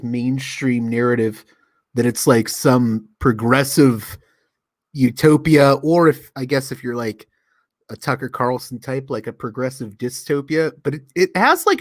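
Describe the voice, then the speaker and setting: Lively, word-searching podcast voice. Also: mid-range voice, no echo, clean studio sound. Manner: thoughtful, searching for words. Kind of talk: casual podcast chat.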